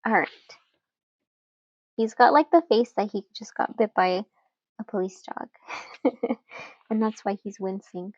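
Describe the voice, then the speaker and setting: A young woman chatting casually while she journals at home, relaxed and giggly, with lots of fillers. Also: mid-range voice, a little slow, pauses often, no room sound, dull audio. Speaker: journaling channel host.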